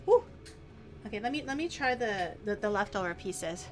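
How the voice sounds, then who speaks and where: Animated and at normal speed, this woman speaks at medium pitch. A native Mandarin speaker, she cooks on a casual livestream, giggling and chatting playfully with music playing behind her.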